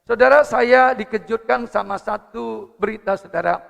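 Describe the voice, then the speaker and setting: A man's voice: high-pitched, moderate pace, vocal fry, fairly bright tone. A man preaching a sermon, moving a prayer into teaching. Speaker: pastor. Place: church service hall. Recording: church hall reverb with faint music.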